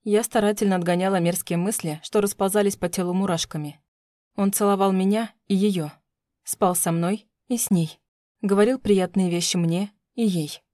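A woman narrating a first-person audiobook in a calm, even storytelling voice. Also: medium pitch, normal speed, no room sound, clean studio sound.

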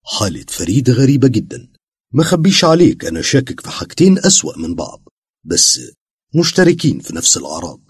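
A man voicing a serious male doctor with an Egyptian accent, husky and urgent. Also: medium pitch, big pitch swings, fast, no room sound, studio quality, pitched above the performer's own voice, exaggerated voice. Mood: grave. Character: grave male doctor delivering bad news.

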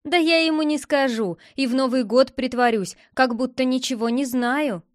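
A woman's voice: high-pitched, normal speed, no room sound, clean studio sound, close to an everyday voice. A woman voicing a curious young boy who keeps begging his sister to show him a secret, wheedling and insistent. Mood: pleading.

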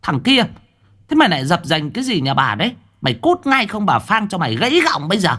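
Brief: man playing older village woman in a storybook, shrill and high, quick to scold. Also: big pitch swings, sharp tone, heavily acted.

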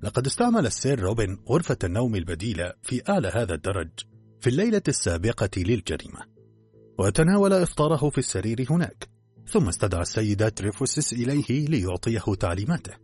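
A man doing a calm, shrewd detective. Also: mid-range voice, slightly rough, faint music behind. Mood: reflective. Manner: slow and reflective.

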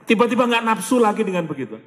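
A man giving an animated motivational sermon, dropping in Javanese and Arabic phrases and acting out people praying. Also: sits high, quick pace, a faint crowd. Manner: animated, acts out voices of people praying and pleading. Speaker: motivational preacher. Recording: long hall reverb.

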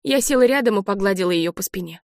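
A woman doing calm, scripted audiobook narration in a clear storytelling manner. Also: mid-range voice, quick pace, no echo, studio quality.

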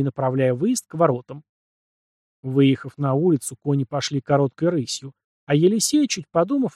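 A man narrating an audiobook in a measured, dramatic storytelling manner. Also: medium pitch, darkish tone, dry recording, clean studio sound.

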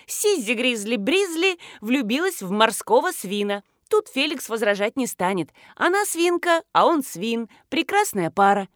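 A woman reading the part of an excitable, chatty young woman who talks eagerly and playfully. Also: fairly high pitch, measured pace, few pauses, no room sound, clean studio sound, voice pushed up. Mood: excited.

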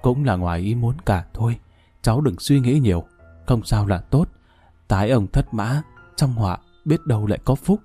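A man's voice: mid-range voice, animated, normal speed, warm tone, husky, soft background music. A man reading the part of a stern, decisive older mother who gives curt orders, in a spoken story. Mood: consoling. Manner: curt, commanding.

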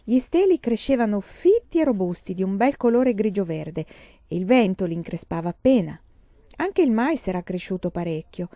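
A woman reading a children's novel aloud in a measured storytelling voice, close to the mic. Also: mid-range voice, very animated, no room sound, lo-fi sound. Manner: measured reading, slowing on narration, brighter for children's lines. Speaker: reader.

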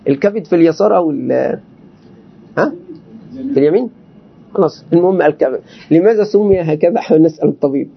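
High-voiced sheikh teaching, lo-fi. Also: male voice, expressive, brisk, creaky, long pauses. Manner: explains words, quizzes students with questions. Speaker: sheikh teaching a classical text. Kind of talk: classroom lecture. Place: teaching session with students present. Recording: dull lo-fi recording.

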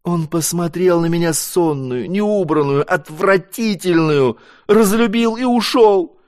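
A man's voice: on the high side, measured pace, darkish tone, pitched above the performer's own voice, natural voice. A man reading an audiobook, voicing a despairing young woman who sobs and rails in anguish. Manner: sobbing, pleading, hysterical. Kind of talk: audiobook character voice.

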